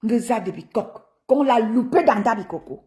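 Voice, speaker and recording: On a live stream, a woman with a Cameroonian French accent chats casually, animated and teasing, laughing often and greeting viewers by name. Her pitch is fairly high and her speed normal.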